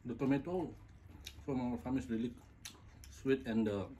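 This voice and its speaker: A man chatting over a meal with his wife, relaxed and teasing as he asks her questions. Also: medium pitch, normal speed, slight background noise. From Manipur, India. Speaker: vlogger and husband. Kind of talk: casual chat over a meal. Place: home kitchen or dining table.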